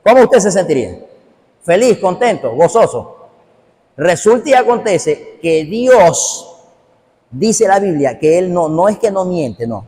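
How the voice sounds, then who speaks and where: A man's voice: high-pitched, very animated, a little slow, mellow. A man, a pastor, preaching a sermon emphatically and repetitively, calling straight out to his listeners. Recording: long hall reverb.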